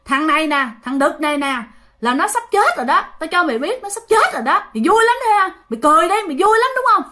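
A woman voicing a father possessed by a furious spirit, shouting menacing threats in a ghost story. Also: high voice, big pitch swings, fast, voice pushed up, exaggerated voice.

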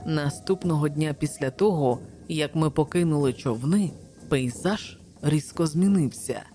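A woman narrating an adventure novel as an audiobook in a measured, even storytelling manner. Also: low-pitched.

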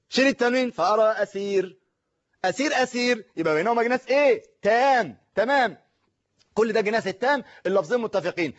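High-voiced Egyptian man teaching a class. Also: muffled recording. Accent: Egyptian Arabic. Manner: explains slowly, recites verses deliberately, quizzes the class. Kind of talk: televised classroom lesson.

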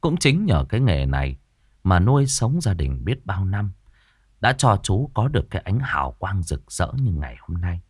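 A man narrating a ghost story audiobook with dramatic, expressive storytelling. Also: low-pitched, normal speed, breathy edge, no room sound, clean studio sound.

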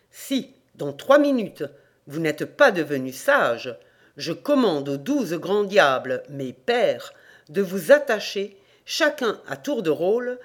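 A man's voice: high-pitched, full character voice. A man reading as a furious devil chief. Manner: loud commanding outbursts. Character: wrathful male devil chief, domineering. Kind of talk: audiobook reading of a folk tale.

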